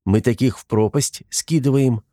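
A man playing a bold, sharp-tongued young mountain woman who speaks bluntly and with threats. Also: medium pitch, normal speed, dry recording, studio quality, lightly acted. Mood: indignant.

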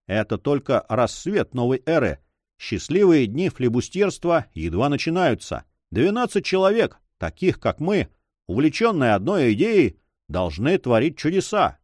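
A man's voice: medium pitch, sing-song, normal speed, a little mellow, dry recording, clean studio sound. A man voicing a commanding pirate leader who rallies his brothers in an audiobook. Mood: rousing.

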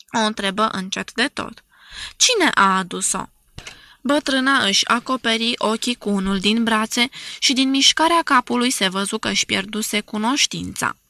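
A woman narrating a literary novel aloud in a calm, measured reading. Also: fairly high pitch, no echo. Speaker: audiobook narrator.

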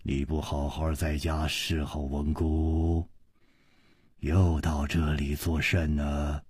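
A male storyteller voicing a stern older father who speaks deep, slow and severe. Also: flat delivery, darkish tone, breathy edge, no echo, clean studio sound, heavily acted.

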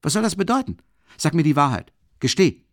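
A man reading an audiobook, voicing a furious, hot-headed young man who shouts and scolds a friend. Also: fairly high pitch, sing-song, fairly quick, dry recording, studio quality, voice pushed up. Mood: angry shouting.

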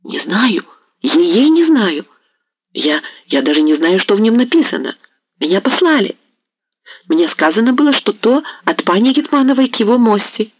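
A man's voice: a little high, brisk, gravelly, dry recording. Cowering trembling merchant, stammers every phrase, a male narrator playing him. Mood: terrified. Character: terrified male merchant messenger, timid and pleading. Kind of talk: audiobook character reading.

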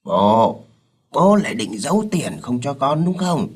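Give me a man playing a grasping drunk young man with a slurred, husky drawl. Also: mid-range voice, sing-song, measured pace. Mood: wheedling.

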